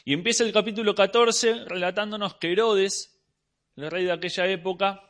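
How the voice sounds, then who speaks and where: Male preacher with a voice a little on the high side, telling the story vividly and dropping his voice at the ends of phrases. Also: fairly even intonation, normal speed, a bit bright. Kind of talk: sermon.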